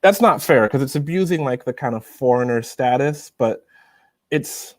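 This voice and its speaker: A man from the United States, a YouTuber guest, casually telling animated anecdotes and laughing often. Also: mid-range voice, normal speed, no echo. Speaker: interview guest, Chinese-teaching YouTuber. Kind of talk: casual storytelling in a video interview.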